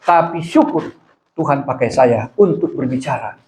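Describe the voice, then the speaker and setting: A man's voice: medium pitch, moderate pace, a little mellow, slight background noise. A man preaching a sermon as pastor, telling a personal story with emphatic, storytelling delivery. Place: church hall. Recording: echoey church hall.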